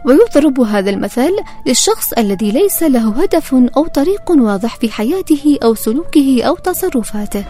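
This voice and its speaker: High, lively woman reading a lesson. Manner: measured, formal recitation. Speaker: narrator. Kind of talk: scripted educational narration. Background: faint music.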